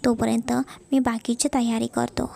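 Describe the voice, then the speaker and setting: A woman voicing a calm middle-aged father in a read-aloud story, speaking in a steady, reassuring way. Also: on the high side, moderate pace, vocal fry. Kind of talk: storybook narration.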